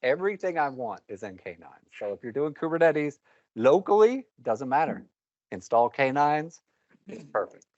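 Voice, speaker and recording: A man's voice: medium pitch, big pitch swings, normal speed, a little mellow, dry recording. A man presenting a technical talk to a live meetup audience, wry and rambling, with candid asides. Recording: dull, muffled meetup recording.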